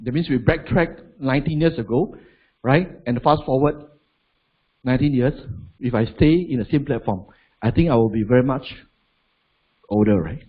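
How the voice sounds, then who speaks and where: Through phone-quality sound comes a man in his forties with a Malaysian English accent, giving a chatty motivational business seminar. His mid-range, breathy-edged voice moves at normal speed with long pauses, and he asks the crowd rhetorical questions, adding "lah."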